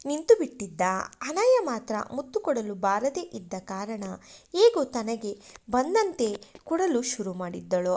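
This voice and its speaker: Slow, expressive woman storyteller. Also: fairly high pitch. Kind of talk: romance story narration.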